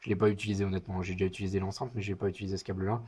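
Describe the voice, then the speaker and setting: A man's voice: sits low, level tone, racing, warm tone, slightly rough. A man giving casual unboxing commentary in his living room, chatty and hesitant with wry asides. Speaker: product reviewer.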